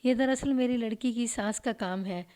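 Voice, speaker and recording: A woman's voice: a little high, warm tone, lightly acted. A woman reading the lines of a reluctant, defensive father of a missing girl in a storybook crime tale. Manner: evasive, defensive.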